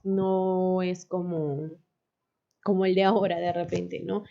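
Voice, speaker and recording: A woman's voice: fairly low pitch, level tone, takes it slowly, creaky. A woman teacher, patiently explaining a lesson and checking in with the class with frequent tag questions. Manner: patient, asks questions and tags "¿no?" often. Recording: dull lo-fi recording.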